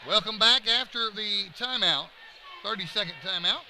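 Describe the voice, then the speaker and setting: A man giving live play-by-play of a high school basketball game, joking between plays. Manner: rapid excited calls that rise on big plays, joking banter in lulls. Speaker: play-by-play announcer. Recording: noisy gym ambience.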